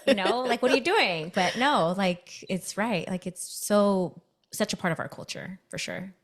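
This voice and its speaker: A woman's voice: medium pitch, a little slow. A woman co-hosting a podcast in casual chat, exclamatory and full of slang. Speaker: podcast co-host.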